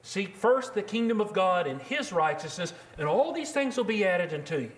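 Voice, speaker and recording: A man preaching a sermon, earnest and measured, slowing down to quote scripture. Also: sits high, very animated.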